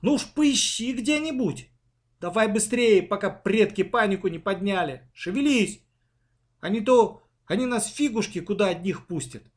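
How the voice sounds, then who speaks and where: A man's voice: sits high, very animated, moderate pace, a bit bright, pitched above the performer's own voice. A man voicing a bold, bossy young girl who snaps commands in a storybook reading. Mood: impatient. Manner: snappy, commanding.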